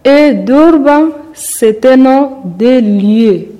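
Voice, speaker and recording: A radio teacher giving a primary-school grammar lesson, repeating each point slowly. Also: high voice, expressive, dark tone, poor audio.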